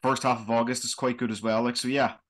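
A young man with a Donegal Irish accent speaks casually as an interview guest. His mid-pitched voice wanders through hesitant, rambling answers over a video call. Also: level tone, quick pace, a bit bright. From Donegal, Republic of Ireland. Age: young adult. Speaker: student guide, interview guest. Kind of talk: casual chat. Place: small plain room indoors. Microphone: webcam video call.

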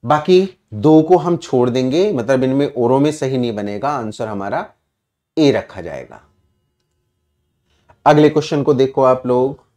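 Male English teacher, Indian accent, slow, explanatory, quizzes the class. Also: fairly high pitch, mellow. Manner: explains answers step by step and quizzes students. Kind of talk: online exam-prep class.

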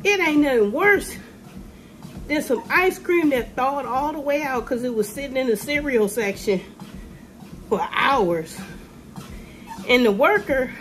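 A middle-aged woman ranting to a phone camera in a casual vlog, animated and sassy, with sudden high exclamations. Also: a little slow, long pauses, background noise. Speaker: vlogger. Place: room with ceiling lights, indoors. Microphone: phone camera held below face.

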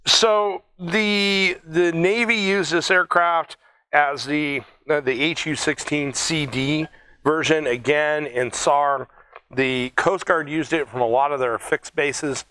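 A man's voice: on the high side, fairly even intonation, takes it slowly, sharp tone, clean tone, rough recording. A man hosting an air museum video in a chatty, joking, rambling way, with restarts. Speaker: museum host. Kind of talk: casual one-take video talk.

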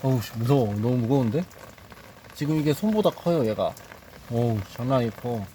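This man speaks at a normal speed in an expressive, medium-pitched voice with a dark tone. He's a nature vlogger muttering nervously to himself and coaxing an animal along outside by a reservoir on a rainy day. Background noise comes through clearly in the outdoor recording.

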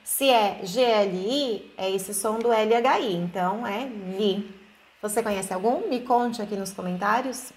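Slow-paced woman teaching Italian. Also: mid-range voice. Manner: slow, careful pronunciation of example words. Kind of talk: language lesson.

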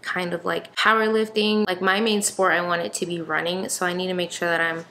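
A woman's voice: lowish voice, little pitch movement, a little fast, pushed and bright, a little hiss or hum, poor audio. A woman in her twenties talking casually to the camera in a chatty, explanatory way, like a vlogger, indoors at home. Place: indoors in an apartment.

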